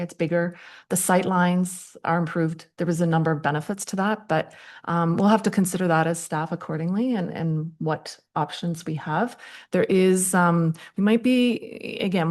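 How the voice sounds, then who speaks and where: A woman on municipal staff answering councillors' questions at a meeting, in a measured way with frequent ums. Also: on the low side, darkish tone. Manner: measured, many ums, repeats "accordingly".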